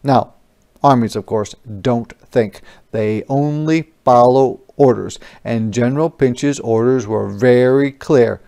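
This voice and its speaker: A male teacher doing an expressive read-aloud for young children, pausing to ask questions. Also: medium pitch, creaky.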